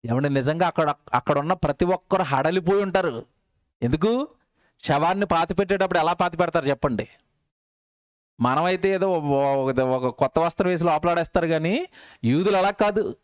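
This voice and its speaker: A man preaching a sermon, animated, repeating lines and putting rhetorical questions to his listeners. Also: on the high side, moderate pace, pauses often, no room sound.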